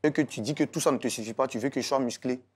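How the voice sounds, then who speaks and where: A man's voice: mid-range voice, racing, husky. A man defending himself in a studio debate, plain-spoken. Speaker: debate guest.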